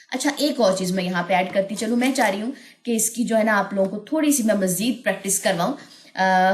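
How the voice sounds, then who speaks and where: Speaking in a mid-range voice from an echoey room, a woman gives an online tajweed class. She walks through pronunciation in Quran recitation, slipping in English words and drawing out vowels at length to show how they sound.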